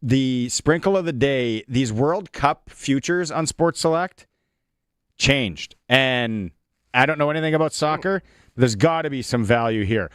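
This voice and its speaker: A man's voice: mid-range voice, animated, unhurried, fairly bright tone, smooth, dry recording, studio quality. A man hosting a sports talk show in a casual, conversational way.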